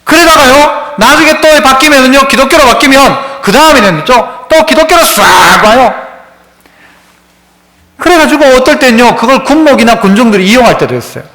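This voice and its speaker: A man's voice: very high voice, lively intonation, normal speed, pushed and bright. A man preaching a sermon as pastor, telling stories and acting out the voices of the people in them. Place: church sanctuary. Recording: echoey church hall.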